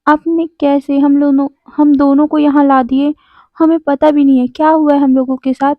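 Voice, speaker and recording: A woman voicing a whiny, dramatic young man who complains and pleads loudly. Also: high voice, little pitch movement, moderate pace, dry recording, narrow, tinny audio, lightly acted. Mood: whining.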